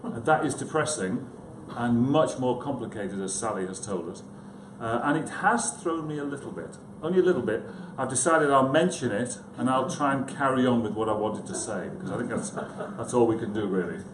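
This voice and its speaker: The speaker is a man, a psychiatrist, giving a casual conference talk indoors where he sounds hesitant, pokes fun at himself and makes chatty asides to listeners. He speaks briskly in a mid-range voice with hardly any pauses, in an echoey, clearly noisy room.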